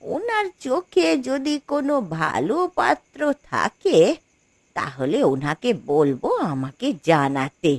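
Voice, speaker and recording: A woman's voice: lowish voice, very animated, takes it slowly, full character voice. A woman voicing a stern, fretting old grandmother in a cartoon, scolding and grumbling in a weary way. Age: older. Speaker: voice actor. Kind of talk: cartoon voice acting.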